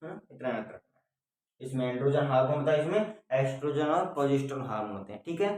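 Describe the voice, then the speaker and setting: A man's voice: mid-range voice, animated, quick pace, a little mellow. A man teaching a biology lesson, repeating points and checking in with "theek hai?" and calling students "beta". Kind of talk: classroom-style lecture. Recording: very echoey room, mic far off.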